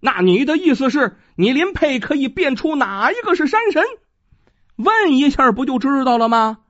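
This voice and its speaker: A storyteller voicing a scornful, scheming village scholar with a sneering manner. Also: male voice, very high-pitched, very animated, moderate pace, a bit bright, pitched above the performer's own voice, full character voice. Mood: mocking. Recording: dull dry lo-fi recording.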